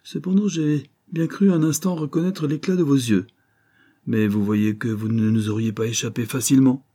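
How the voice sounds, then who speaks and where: Guy doing a blunt cop voice, loud and brisk, a bit husky. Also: mid-range voice, fairly even intonation, voice pushed up, close to an everyday voice. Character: blunt hearty male police inspector.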